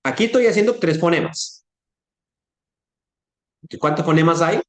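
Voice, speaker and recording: A fairly high-pitched man speaks a little slowly in a roomy-sounding space, leading an informal Bible-class lecture. He has a Latin American Spanish accent and keeps it conversational, asking the audience questions and acting out speech sounds.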